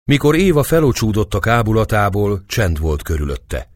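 A man narrating a historical novel as an audiobook, reading in a dramatic, expressive way. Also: lowish voice, no echo, studio quality.

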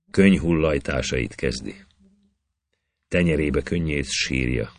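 A man reciting an epic poem in a measured, rhythmic verse delivery. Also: very deep voice. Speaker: poetry reader.

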